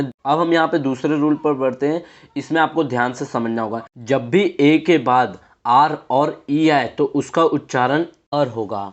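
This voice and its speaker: A man teaching English pronunciation in a classroom-style lesson, calling viewers friends, asking questions and answering them himself, slowing down to spell out words. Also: mid-range voice, dull audio. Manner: addresses viewers as friends, repeats answers to his own questions.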